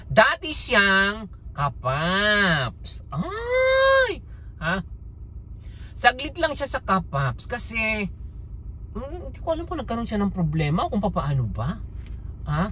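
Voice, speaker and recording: A man vlogging casually as he walks outdoors on a street. He talks theatrically in exclamations and keeps tossing in questioning asides, and his voice is hoarse. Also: high voice, wildly swooping pitch, slow, pauses often, sharp tone, a little hiss or hum. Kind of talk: casual street vlog chatter.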